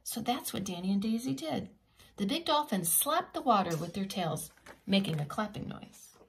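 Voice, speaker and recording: A preschool teacher with a gravelly, medium-pitched voice reads a children's picture book aloud at normal speed. She's expressive and teacherly, adding simple asides along the way.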